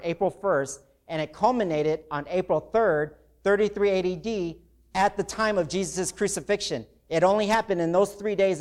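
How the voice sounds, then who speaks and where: A man preaching a sermon to a congregation, talking casually and growing emotional and intense. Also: high-pitched.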